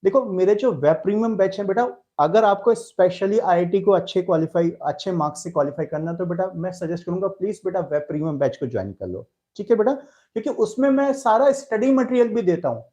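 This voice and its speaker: A man's voice: sits high, fairly quick, mellow, dull audio. A man with an Indian accent teaching a live online chemistry class, answering students' chat messages in a fatherly, reassuring way.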